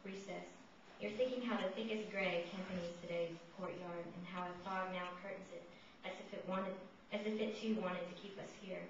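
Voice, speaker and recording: A woman giving a poetry reading, reciting her own verse in measured, solemn short phrases. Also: lowish voice, steady tone. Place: reverberant indoor room, live reading. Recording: distant, muffled, echoey room with noise.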